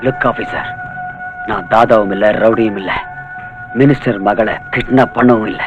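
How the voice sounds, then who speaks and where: An actor playing a calm junior male police officer who speaks in measured, pleading tones, over loud film music. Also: medium pitch, muffled recording. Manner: measured, pleading, mixes English.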